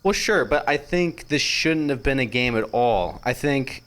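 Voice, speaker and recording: A young man co-hosting a sports podcast, chatting casually, joking and rambling with quick laughs. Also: medium pitch, lively intonation, a bit bright. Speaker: podcast co-host.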